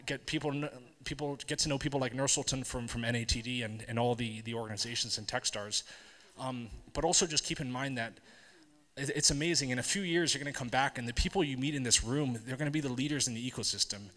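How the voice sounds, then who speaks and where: A man giving a live conference talk, earnest and halting, with many fillers and restarts. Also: medium pitch, pushed and bright. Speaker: conference speaker. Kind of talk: live presentation to an audience. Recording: hall reverb.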